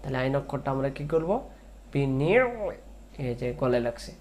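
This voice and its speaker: A man teaching Quran recitation, drawing out the verses in a slow chant between spoken explanations. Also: mid-range voice, steady tone, darkish tone. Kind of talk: tajweed lesson with chanted recitation.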